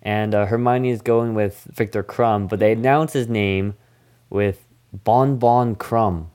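A man's voice: fairly low pitch, fairly even intonation, a little slow, a little mellow, smooth. A man hosting a casual movie review podcast, recapping the plot in a goofy, rambling way. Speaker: podcast host.

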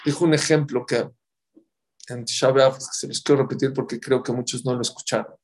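A man giving a sermon in a Mexican Spanish accent, telling stories in a lively way that swings from loud bursts to hushed asides. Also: mid-range voice, fairly quick.

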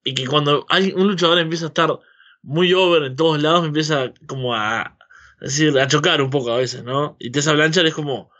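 Very bright-voiced man chatting, slightly lo-fi. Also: medium pitch. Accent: Rioplatense Spanish. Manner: rambling, seeking agreement with frequent tag questions. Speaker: wrestling podcast host. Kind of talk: casual opinionated chat about wrestling.

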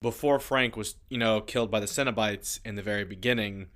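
A man hosting a casual podcast chat, calm and amused, dropping bits of trivia. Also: fairly low pitch, a little fast. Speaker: podcast host.

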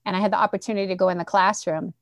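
A woman's voice: mid-range voice, fairly even intonation, very fast, dry recording. A middle-aged woman from Massachusetts, a guest in a podcast interview, talking in a friendly, chatty way about her career. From Central Massachusetts. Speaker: guest, education coordinator.

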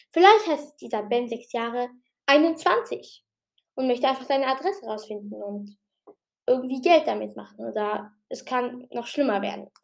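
A woman's voice: a little high, vocal fry. A woman giving casual, rambling tips on her own show, with many fillers and restarts. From outside Germany. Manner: says she talked a bit fast. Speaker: podcast host giving tips. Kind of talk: casual spoken explanation.

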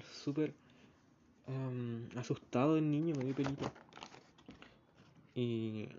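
A young man with a Chilean Spanish accent talks through his day in a loose, rambling way, slipping into the voices of the people he met. His pitch sits in the usual middle range. The recording is a little dull, with faint background noise. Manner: rambling storyteller, acts out the voices in his anecdotes. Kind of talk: casual spoken diary.

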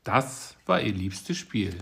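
A man reads a fairy tale aloud. His voice sits fairly low, and it rises and falls a great deal as he tells the story. He speaks slowly and with care. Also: big pitch swings, gravelly, pushed and bright. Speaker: narrator.

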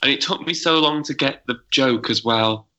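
A man in his thirties talks loosely in a relaxed podcast chat. His voice is bright and forward. He circles his points with plenty of fillers and restarts. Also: medium pitch, normal speed, poor audio. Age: 30s. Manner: rambling, hesitant with many fillers. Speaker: podcast panelist. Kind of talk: casual chat.

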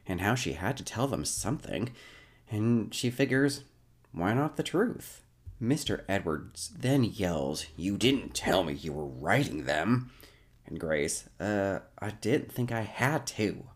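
Slow, lively-voiced man recapping an episode. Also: medium pitch. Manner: wry asides and jokes.

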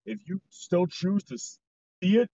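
Brief: a fairly high-voiced, husky man hosting a podcast, blunt, profane and ranting, on a dull lo-fi voice chat. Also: steady tone, takes it slowly, warm tone. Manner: heated, swears heavily, ranting. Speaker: podcast host. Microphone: voice chat mic. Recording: dull lo-fi online voice call.

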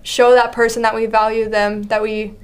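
A young woman co-hosting a casual faith discussion, speaking in a warm, affirming, conversational way. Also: fairly high pitch, level tone, moderate pace, smooth. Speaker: podcast co-host.

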